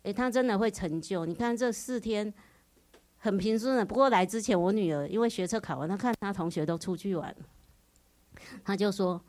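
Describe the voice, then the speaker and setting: A woman's voice: medium pitch, fairly quick, a little mellow. Earnest Taiwanese Mandarin woman testifying. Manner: earnest and emotional, with many interjections. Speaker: retreat participant giving testimony. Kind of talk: personal religious testimony.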